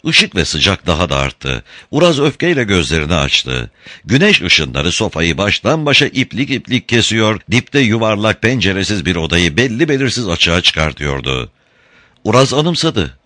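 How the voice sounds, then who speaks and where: A man narrating a novel in an expressive storytelling manner. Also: low-pitched, moderate pace, dry recording, studio quality. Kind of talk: audiobook narration.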